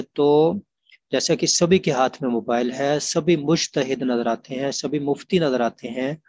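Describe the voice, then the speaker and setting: A man teaching an online grammar class, explaining patiently and repeating examples slowly. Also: medium pitch, darkish tone.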